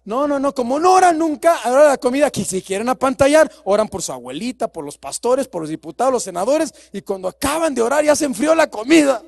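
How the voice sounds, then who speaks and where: A man preaching a sermon, animated and mocking as he acts out churchgoers. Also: very high voice, quick pace, vocal fry, few pauses. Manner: animated, mocking, plays out voices.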